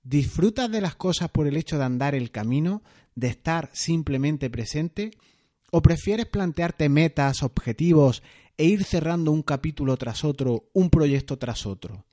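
Man hosting a podcast, mellow voice. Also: on the high side, animated, unhurried. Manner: explanatory, conversational, with occasional fillers. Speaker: podcast host. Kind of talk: solo productivity podcast.

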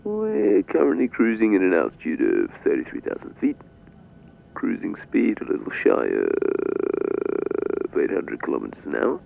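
An actor playing a heartbroken, bitter airline captain who gives calm, matter-of-fact cabin announcements in polite announcer phrasing. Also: male voice, low voice, a little slow, vocal fry, narrow, tinny audio, heavily acted. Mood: deadpan. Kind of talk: comic in-flight announcement.

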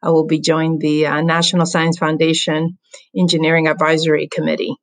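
A woman from the Dominican Republic, a guest on a video call, telling her career story in an upbeat, measured way with some fillers. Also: low voice, monotone. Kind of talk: interview answers.

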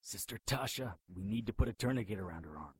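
Husky, wry survivor. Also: male voice, on the low side, expressive, quick pace. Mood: urgent. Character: amnesiac, blunt, wry man leading frightened survivors. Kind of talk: audio drama acting.

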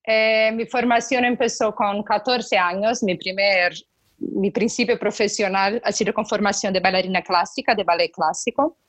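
A Brazilian woman talks in Spanish with a clear Portuguese accent on a podcast. Her pitch is mid-range, and she tells her story in a relaxed, thoughtful way with small pauses to find words. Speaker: podcast co-host. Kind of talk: casual podcast chat.

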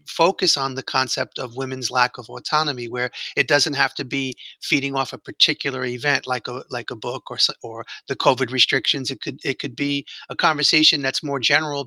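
Guy hosting a podcast, bright tense voice, measured and agreeable. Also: mid-range voice, flat delivery, no echo. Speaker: podcast host. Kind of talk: podcast interview.

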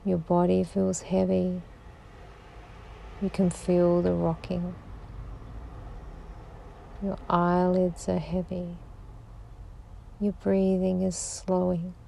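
A woman leads a guided sleep meditation, speaking slowly and soothingly and often sinking into a whisper. Her low voice is mellow and even, with a gravelly edge. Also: slight background noise. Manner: slow, soothing, drifting into whispers.

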